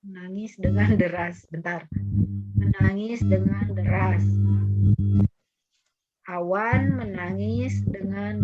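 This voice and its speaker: A woman's voice: on the high side, lo-fi sound. A woman teacher, leading an online class and coaxing her students with repeated questions.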